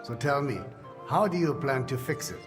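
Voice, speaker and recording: A man's voice: mid-range voice, expressive, normal speed, natural voice. An actor playing a wry, talkative middle-aged townsman telling an old story in a medieval video game. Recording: reverberant room with music behind.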